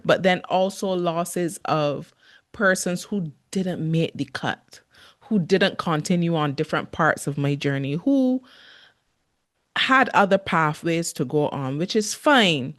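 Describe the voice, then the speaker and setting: A woman's voice: on the low side, animated, slow. A woman in her forties hosting her own podcast, talking earnestly in a reflective monologue, laughing often and drawing out words for emphasis. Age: 40s. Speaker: podcast host.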